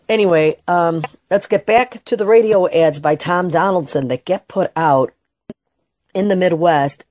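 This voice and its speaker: In studio-quality audio with no room sound, a woman with a low, dark-toned voice runs a political talk radio show. Now and then she slips into Spanish during her emphatic, opinionated monologue, which includes some restarts.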